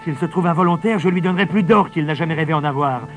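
A man's voice: medium pitch, fairly even intonation, moderate pace, faint music behind, lightly acted. A man voicing an older king who speaks with commanding force in a storybook reading. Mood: angry. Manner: thundering, commanding.

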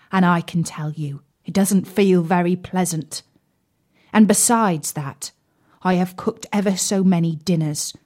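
A woman's voice: on the low side, darkish tone, close to an everyday voice. A woman voicing a weary, grumbling old iron cooking pot in a storybook.

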